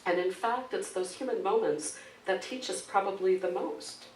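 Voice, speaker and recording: A man's voice: high-pitched, normal speed. A man, a minister, preaching a conversational sermon with storytelling, often asking the congregation questions. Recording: roomy hall from a distance, faint background noise.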